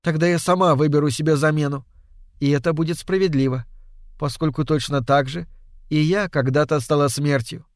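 A man voicing Death as a soft-spoken young lady, talking quietly and slowly in a measured, coaxing way. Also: fairly high pitch, steady tone, no room sound, clean studio sound, close to an everyday voice. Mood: quiet, resolved.

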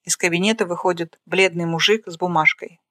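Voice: medium pitch, brisk, dry recording. A dry, plain screenplay reader. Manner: plain, flat reading of stage directions. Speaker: narrator reading a screenplay. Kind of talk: reading a screenplay aloud.

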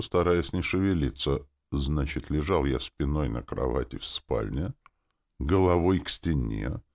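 Very deep, lively male narrator. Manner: expressive, wry reading. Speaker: audiobook narrator. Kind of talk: first-person audiobook reading.

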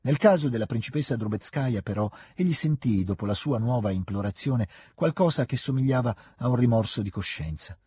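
A man giving a calm, measured scripted reading of a classic novel. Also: mid-range voice, slightly rough, dry recording, clean studio sound. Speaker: reader. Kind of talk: scripted literary narration.

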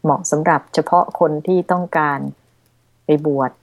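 A middle-aged woman hosting a Buddhist radio talk show, speaking politely and gently. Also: lowish voice, fairly even intonation, normal speed, dry recording. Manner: polite, gentle, deferential to the monk. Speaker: radio host. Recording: dry studio radio sound.

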